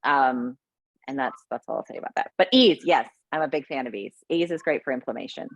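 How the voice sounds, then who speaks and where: A woman's voice: a bass voice, fairly quick, no echo, dull audio. A woman presenting products in a chatty, frank talk full of fillers. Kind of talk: casual sales talk.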